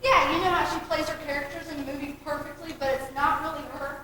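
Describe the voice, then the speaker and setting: A woman's voice: high voice, fairly even intonation, quick pace, sharp tone, a little hiss or hum. A young woman acting in a school play, playing a skeptical mother who is impatient with the group. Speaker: actor in a high school play. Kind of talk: amateur stage acting. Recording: echoey school stage, far from mic.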